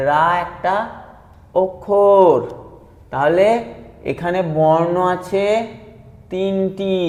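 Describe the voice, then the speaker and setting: A man gives a slow, deliberate grammar lesson, breaking words into sounds and going back over each point. His voice sits a little high for a man. The room is echoey, with a long reverb tail. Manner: patient, spells words out sound by sound and repeats. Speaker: teacher.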